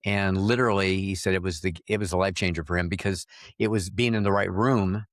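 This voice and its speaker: A man's voice: deep voice, steady tone, fairly quick, dry recording, clean studio sound. A man who is a marketing coach, speaking earnestly and reflectively as a podcast guest. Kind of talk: casual interview chat.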